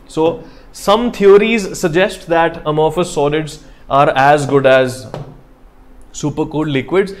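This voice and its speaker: Male online teacher, young adult, North Indian accent, informal bilingual delivery, brisk pace, mid-pitched voice. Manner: informal, switches between English and Hindi. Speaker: chemistry teacher. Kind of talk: live online lesson, explaining and chatting with students. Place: indoor studio in front of a digital board.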